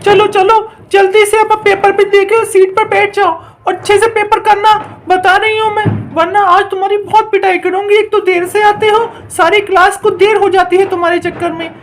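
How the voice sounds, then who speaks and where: A woman's voice: extremely high pitch, little pitch movement, normal speed, few pauses, a little hiss or hum. A woman voicing a strict, impatient female schoolteacher who scolds and hurries her pupils in a doll story. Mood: stern. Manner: scolding, hurrying, threatening. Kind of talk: doll story role-play.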